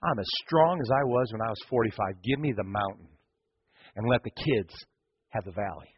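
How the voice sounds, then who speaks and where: A man voicing an 85-year-old male warrior who speaks in low, quiet, determined declarations. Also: expressive, normal speed, slightly rough, no echo, dull audio. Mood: resolute.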